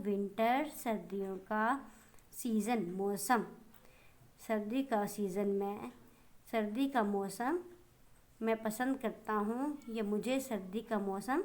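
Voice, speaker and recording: Slow-spelling woman teacher with Pakistani accent. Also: medium pitch. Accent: Pakistani Urdu. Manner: slow, spells words letter by letter and translates them; addresses pupils fondly as children. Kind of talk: online class lesson for young children.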